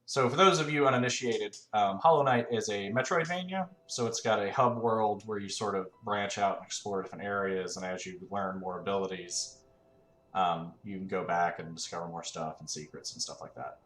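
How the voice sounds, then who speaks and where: A man's voice: on the low side, brisk, a bit bright. A man giving laid-back, rambling let's-play commentary, full of fillers, from a room at home on a desk mic. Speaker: gaming channel host. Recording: roomy home recording with faint fan hum.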